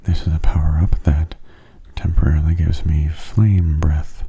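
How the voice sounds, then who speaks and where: A gaming ASMR host gives soft-spoken game commentary into a close microphone, his voice hushed, very low and breathy. He muses aloud in a calm, unhurried way.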